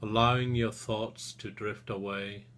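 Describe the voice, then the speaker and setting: Leading a guided relaxation as a therapist, a man speaks in short, gentle phrases broken by long pauses. His lowish voice has little pitch movement and stays soothing.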